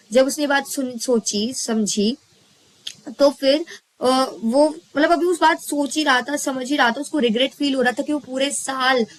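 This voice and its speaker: A woman's voice: high voice, dry recording, low-quality recording. A woman teacher retelling a story in a casual lesson, chatty, asking questions and answering them herself.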